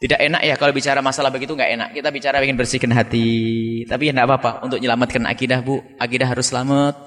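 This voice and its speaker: A man delivers a sermon to a gathering in an animated way. He climbs to high, emphatic peaks and then falls back into quiet asides, all in a middle-pitched voice. A long reverb hangs on his words in the large hall. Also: racing. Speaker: preacher.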